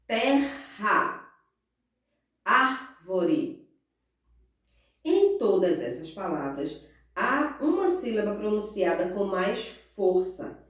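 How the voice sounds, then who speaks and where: A Brazilian woman teacher gives a recorded lesson in a very echoey room, heard from some way off the microphone. She speaks at a slow, patient pace in a mid-range voice, drawing out key words and asking the children questions before answering them herself. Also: mid-range voice, a little mellow. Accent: Brazilian Portuguese. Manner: slow, patient, drawn-out word stresses; asks pupils questions and answers in their voice. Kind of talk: recorded remote class lesson. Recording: roomy echo, far from mic.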